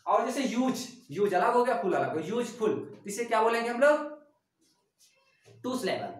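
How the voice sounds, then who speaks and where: Woman teacher, fairly high voice, repeats and quizzes, far off in an echoey room. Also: big pitch swings, normal speed. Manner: repetitive, asks rhetorical check-questions. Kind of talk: classroom grammar lesson.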